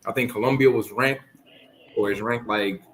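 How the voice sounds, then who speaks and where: A man's voice: on the low side, steady tone, normal speed, slight background noise, rough recording. Bahamas-born man chatting loosely as host. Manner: rambling, many restarts and fillers. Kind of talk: casual chat.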